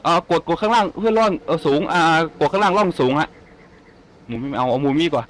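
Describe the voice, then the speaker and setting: A man giving casual Let's Play commentary on a shooter, exclaiming and repeating words in quick bursts. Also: fairly high pitch, big pitch swings, slight background noise. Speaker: gaming YouTuber.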